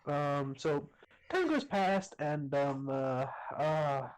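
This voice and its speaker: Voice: medium pitch, animated, drawn-out words, noisy background. A game master runs a casual tabletop role-play, narrating scenes loosely. The delivery is teasing, with frequent laughter.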